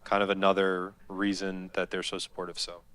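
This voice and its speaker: A man's voice: low-pitched, monotone, fairly quick, fairly bright tone, clear, resonant tone. A man organizing a tech event, making informal announcements to an audience.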